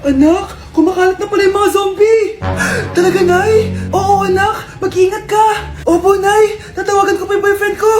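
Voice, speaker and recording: An extremely high, excitable comedy skit voice, exclaiming with melodrama. The sound is echoey, with music clearly behind it. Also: female voice, normal speed, hardly any pauses. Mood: frantic. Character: excitable high-voiced characters in family squabble skits. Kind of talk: exaggerated comedy skit dubbing.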